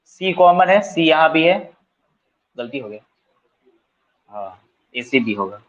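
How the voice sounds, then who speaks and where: In a coaching centre classroom, a man tutors math in colloquial Hindi with a Bihari accent, dropping in English math terms as he works through the steps aloud and answers the questions he puts to his students. His fairly high, expressive voice is a bit bright and unhurried. The recording has its highs cut off.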